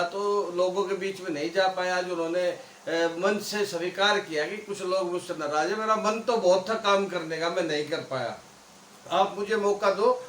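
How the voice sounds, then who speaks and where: A man's voice: sits high, a bit bright. A man from Haryana, a party worker giving an interview, answering in a rhetorical, speechlike way with appeals to voters. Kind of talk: campaign-style interview answers. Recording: echoey, far from mic, faint noise.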